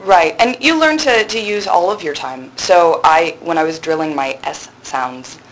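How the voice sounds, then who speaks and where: Her voice is low, with strong body resonance, and her intonation is lively. This woman in her twenties, studying drama at graduate level, answers interview questions thoughtfully but hesitantly, with frequent pauses, fillers, and restarts. The audio is poor.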